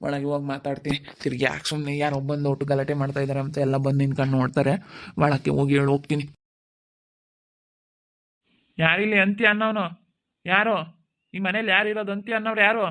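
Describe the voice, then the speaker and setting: A man playing an angry middle-aged village father who scolds rapidly, speaking in an amateur family skit. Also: fairly high pitch, flat delivery, a bit bright. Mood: grumbling. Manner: scolding, threatening, rapid outbursts.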